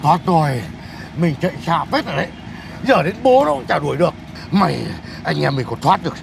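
A man's voice: on the high side, very animated, brisk, vocal fry, noisy background, full character voice. An actor playing a broke, put-upon grown man who nags and grumbles, in a comedy sketch over music. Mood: relieved. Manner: nagging, then sobbing for his grandkids. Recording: music bed under dialogue.

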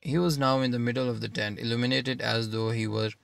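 A man narrating an audiobook in a steady, measured reading. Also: mid-range voice, creaky, clear, resonant tone, dry recording.

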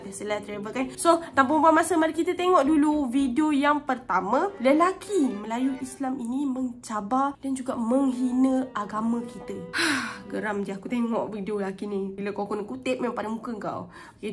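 Young woman, Malaysian Malay accent, high voice, animated, indignant reaction vlog, phone mic. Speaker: YouTuber reacting to viral videos. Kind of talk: reaction commentary.

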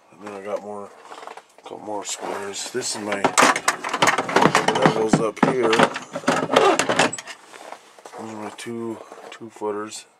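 A low, unhurried man walks through his cold work trailer listing his tools in a rambling, plain-spoken way. His voice comes through noisy handheld camera audio with a steady hiss behind it. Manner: rambling, plain-spoken, lists his gear, swears when frustrated. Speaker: welder showing his trailer. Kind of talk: casual walkthrough vlog.

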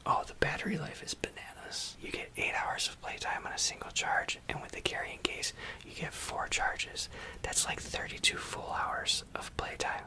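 A man's voice: moderate pace, bright, forceful tone. A man in his thirties reads an ad in a casual, playful ASMR whisper, close to the microphone. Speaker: sponsored ad reader. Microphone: close studio microphone on a desk.

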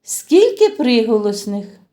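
Slow, sing-song woman teaching children. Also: on the high side, sing-song, mellow. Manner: slow, drawn-out sounding of words for children; asks questions and praises the children. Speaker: kindergarten teacher. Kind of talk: phonics lesson for young children.

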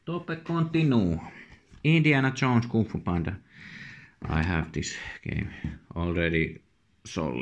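Low, gravelly man with a Finnish accent. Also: a bit bright, muffled recording. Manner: halting, non-native English in short muttered remarks. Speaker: video game collector presenting an unboxing. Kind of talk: unscripted casual unboxing commentary. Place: indoors at a wooden table. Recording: noisy room with handling clicks.

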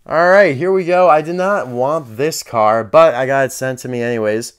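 A man's voice: mid-range voice, moderate pace, clear, resonant tone. A man chatting casually as he unboxes and reviews collectible toy cars, candid and dryly sarcastic.

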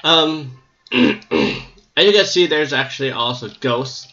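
Man, mid-pitched, slightly scratchy, casual gameplay commentary with lots of ums, lo-fi muffled recording. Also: wildly swooping pitch, slow pace, bright, forceful tone. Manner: rambling, hesitant, many ums. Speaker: gameplay video maker.

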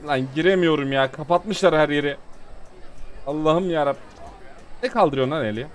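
A man with a slightly high voice and moderate pace does casual let's-play commentary as a gaming YouTuber. He chats with his viewers, his frustration with the game building into exasperation.

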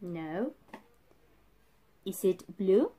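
A young woman, a native Spanish speaker, teaching English to young children in simple, emphatic phrases as if to a toddler, pausing for answers. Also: mid-range voice, big pitch swings, mellow. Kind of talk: children's vocabulary lesson with repeat-after-me drills. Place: indoor room in front of a whiteboard.

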